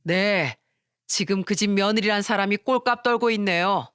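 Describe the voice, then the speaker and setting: A woman's voice: mid-range voice, normal speed, a bit bright, clean tone, no echo, studio quality, natural voice. A woman voicing a blunt, sarcastic middle-aged male taxi driver. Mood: sneering.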